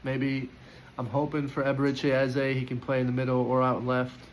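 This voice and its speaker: A man talking through player ratings in a loose, opinionated reaction style. He stops and restarts his sentences often and fills the gaps with ums. His voice sits at an ordinary middle pitch, with a faint hiss under it. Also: completely flat delivery, a little fast, rough recording. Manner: chatty, opinionated, lots of fillers and restarts. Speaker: football fan giving player ratings. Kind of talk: casual post-match reaction.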